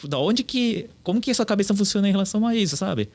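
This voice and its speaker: A man's voice: sits high, lively intonation, quick pace. A man with a Brazilian accent, a podcast host who asks long, rambling questions while searching for words. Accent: Brazilian Portuguese. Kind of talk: casual interview questions.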